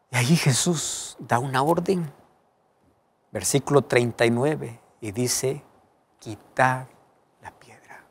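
Animated preacher man, lively pitch. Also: creaky. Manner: dramatic, swings from loud to hushed. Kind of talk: sermon.

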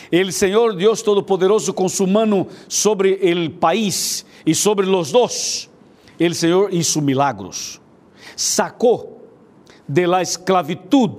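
Slow, high-voiced male preacher. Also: darkish tone. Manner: repetitive, asks listeners "ok?" and "viste?". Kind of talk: sermon retelling a Bible story.

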